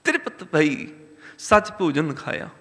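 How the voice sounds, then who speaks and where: A man from Punjab, India, giving a Sikh religious discourse who chants scripture lines slowly and repeats points with emphasis, in a hall with long reverb. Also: fairly high pitch, sing-song, a bit bright. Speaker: Sikh preacher.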